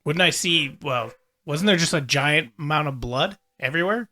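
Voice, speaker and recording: A man's voice: fairly high pitch, animated, normal speed, pushed and bright. A man playing a tabletop role-playing game, joking and arguing in character. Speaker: player. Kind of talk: casual tabletop play.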